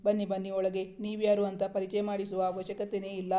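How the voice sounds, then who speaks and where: A woman's voice: mid-range voice, monotone, a little fast, dark tone, lightly acted. A woman reading the lines of a friendly, talkative young hostess in an audiobook. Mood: welcoming. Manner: welcoming, talkative.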